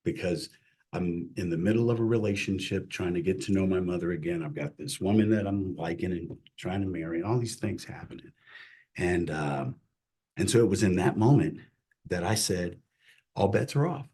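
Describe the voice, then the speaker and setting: Husky, very low-voiced man telling his story. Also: normal speed. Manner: earnest, emotional storytelling, drops to a hush at hard moments. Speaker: chaplain and CPE director, guest. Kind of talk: personal testimony in an interview.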